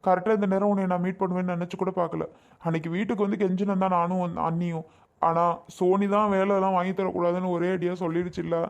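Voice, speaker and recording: A man acting in a short family drama skit, pouring out complaints about family troubles and pleading for help. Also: sits high.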